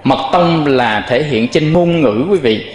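A man's voice: a little high, lively intonation, unhurried. A man who is a Buddhist monk, giving a patient dharma talk and addressing his listeners directly. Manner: explains patiently, often addressing listeners directly, demonstrates chant tones. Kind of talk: dharma talk with chanting demonstrations. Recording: echoey hall with long reverb.

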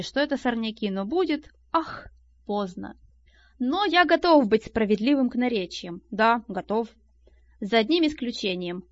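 Woman reading an audiobook, raised pitch. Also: no room sound. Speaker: audiobook reader. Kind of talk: audiobook narration of a nonfiction book. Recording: dull, lo-fi and dry.

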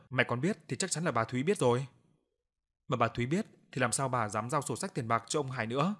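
A man playing a shrewd young rural shrimp farmer who asks pointed questions in a brisk, raised voice. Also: medium pitch, a bit bright, natural voice.

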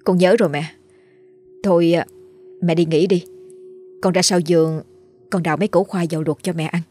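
A woman's voice: on the low side, fairly even intonation, normal speed, dark tone, soft background music, lightly acted. A woman voicing a devoted, frightened young peasant son who cries and pleads with his mother. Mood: tearful.

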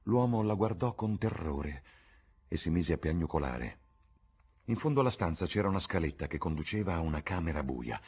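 A man reading a classic novel aloud in a slow, measured storytelling manner, as an audiobook. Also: extremely low pitch, darkish tone, slightly rough. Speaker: audiobook reader. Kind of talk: literary audiobook narration.

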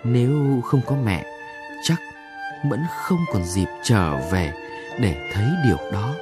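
A man reading a short story aloud in a soft, lingering, emotional late-night reading style. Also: on the low side, expressive, takes it slowly. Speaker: story reader. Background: soft violin music.

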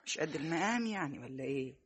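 A woman's voice: low-pitched, lively intonation, racing, husky, exaggerated voice. An actress playing a proud, easily offended middle-aged mother in an Egyptian radio drama, speaking in an indignant, sarcastic way.

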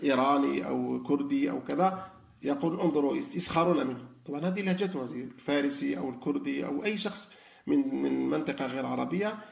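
A man's voice: fairly high pitch, vocal fry, a little mellow, roomy sound. A man giving a spoken religious lesson, explaining with frequent fillers and restarts. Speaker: lecturer on Quran reflection.

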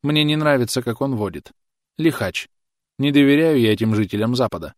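A man's voice: mid-range voice, expressive, fairly quick, dry recording, studio quality, pitched above the performer's own voice, close to an everyday voice. A man voicing a bitter, self-pitying mother who nags her grown son in a plaintive, reproachful way.

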